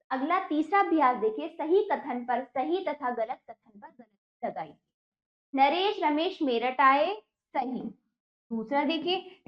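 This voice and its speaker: Brief: patient woman teacher, high bright voice, slow deliberate delivery for young pupils. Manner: patient, quizzes and repeats answers slowly. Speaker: primary school Hindi teacher. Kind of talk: classroom lesson explaining exercises. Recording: echoey room, dull lo-fi sound.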